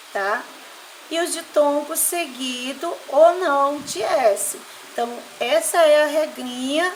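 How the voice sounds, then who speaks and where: A Brazilian woman teaching a primary school class, dictating words one by one and explaining slowly and deliberately. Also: a little high, a little hiss or hum, rough recording. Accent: Brazilian Portuguese. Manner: slow, deliberate word-by-word dictation. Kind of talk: recorded class lesson.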